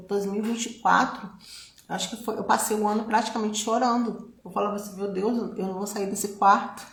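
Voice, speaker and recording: A woman with a Brazilian Portuguese accent giving a reflective personal talk, conversational and full of tag questions. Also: medium pitch. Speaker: speaker on self-knowledge. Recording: roomy echo.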